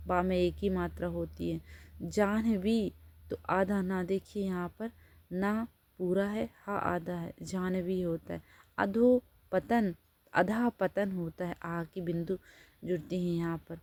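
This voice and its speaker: Low, mellow woman teaching spelling. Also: fairly even intonation, slow pace. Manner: reads each word, then explains and corrects it. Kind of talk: Hindi spelling lesson.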